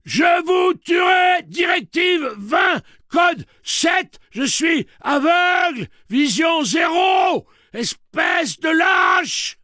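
Raging blind messenger robot, piercing and drawn out, storybook villain. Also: male voice, a little high, vocal fry, fairly bright tone, no echo, clean studio sound, a faint crowd, pitched above the performer's own voice, heavily acted. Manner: shrieking, slow and drawn-out.

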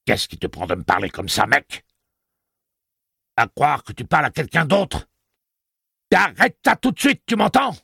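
A man voicing a furious, scornful woman in an audiobook, taunting and threatening in a shrill voice. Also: huge pitch swings, unhurried, creaky, pauses often, bright, forceful tone, husky, no echo, studio quality, full character voice. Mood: shrill anger.

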